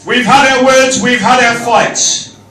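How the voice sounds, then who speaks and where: A man's voice: extremely high pitch, fairly even intonation, slow, sharp tone, a little hiss or hum. A man giving an informal, jokey wedding toast as best man, projecting his voice to a room. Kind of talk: informal wedding toast speech with comic rhyming verse. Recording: echoey room, picked up from far off.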